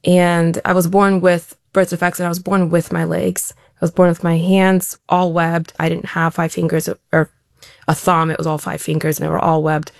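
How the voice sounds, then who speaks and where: A woman's voice: lowish voice, level tone, normal speed, vocal fry, no room sound, studio quality. A woman answering interview questions as an elite athlete guest, talking in a reflective, open way with frequent restarts.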